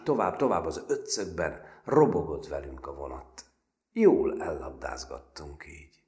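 Man, audiobook narration, very deep voice, lively intonation, measured storytelling, echoey room.

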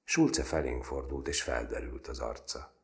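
A man reading a novel aloud as an expressive audiobook narrator. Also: rumbling low. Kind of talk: scripted narration.

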